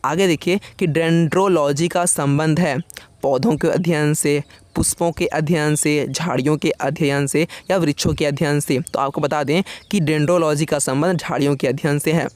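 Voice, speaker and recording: A man teaching a rapid exam-revision lesson, his voice sitting a touch higher than most men's. He rattles off each question and its choices in quick succession. Then he gives the answer in a relaxed, chummy tone. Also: no room sound. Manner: quick, casual, keeps saying "yaar" to the viewer; reads out options in a brisk list and then gives the answer.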